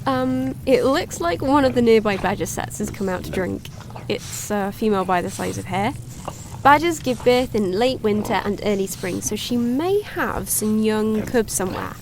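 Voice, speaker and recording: An actress playing a cheerful young woman hosting a woodland wildlife livestream, chatty and excitable. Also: medium pitch, normal speed, slight background noise, natural voice. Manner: chatty, excitable, gasps at sightings. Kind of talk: audio drama, chatty live-stream narration.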